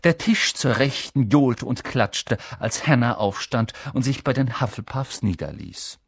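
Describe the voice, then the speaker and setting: A man narrating an audiobook in a calm, measured storytelling manner. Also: medium pitch, gravelly, breathy edge, no echo, studio quality. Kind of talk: audiobook reading.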